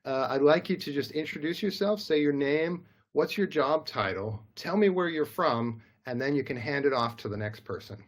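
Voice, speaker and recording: A man's voice: a little high, lively intonation, moderate pace, hardly any pauses. Upbeat man hosting a video call. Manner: upbeat, chatty, self-deprecating. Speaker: host.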